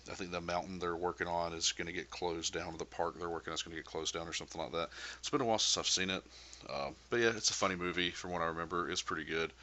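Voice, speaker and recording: Deep-voiced guy in his 30s, sharp punchy tone, laid back collector chat with lots of ums. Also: slight background noise. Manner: easygoing and enthusiastic, with frequent "uh" and "um" fillers. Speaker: VHS collector vlogger. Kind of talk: casual show-and-tell chat.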